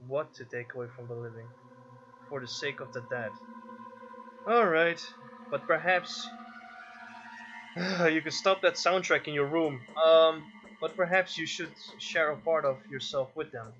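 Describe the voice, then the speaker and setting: A man's voice: fairly high pitch, measured pace, a bit bright. A man casually commenting on a game he plays, reading its text aloud and musing to himself with restarts and self-corrections. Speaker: gaming video host. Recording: slightly dull lo-fi audio with faint game music.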